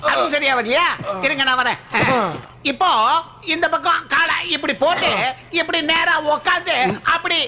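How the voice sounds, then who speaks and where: A woman's voice: sits high, fairly even intonation, moderate pace, bright, forceful tone. An actress dubbing a mischievous young woman who chatters in a playful, teasing way. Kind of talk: Tamil film dub. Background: film score.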